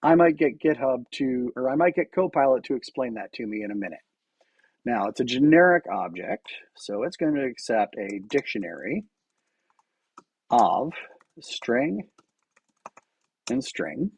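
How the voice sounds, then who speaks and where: Gravelly, slow-talking man coding on stream. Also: medium pitch, lively intonation. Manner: thinks aloud while typing, with frequent restarts and fillers. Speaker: software developer streaming his coding. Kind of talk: casual live-coding commentary.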